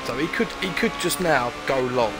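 A man's voice: medium pitch, animated, moderate pace, noisy background. A man commentating live on an online car race like a motorsport commentator, calling moves in short clipped phrases.

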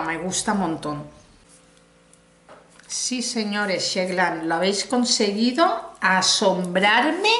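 This middle-aged Spanish woman, a beauty vlogger with a Spanish accent, talks straight to the camera while reviewing a makeup haul. Her mid-range voice has a fairly bright tone, and she's casual and exclamatory. The room is echoey with faint noise.

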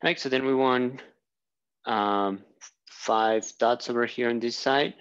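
A man lectures on physics at a whiteboard in a small room, thinking aloud with fillers and restarts while he draws. His medium-pitched voice is slow and fairly even, a bit bright, clear and resonant, though the audio is dull.

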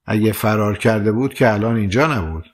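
A man voicing a gentle young woman who has lost her memory, speaking softly and teasingly in an audiobook. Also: on the low side, close to an everyday voice.

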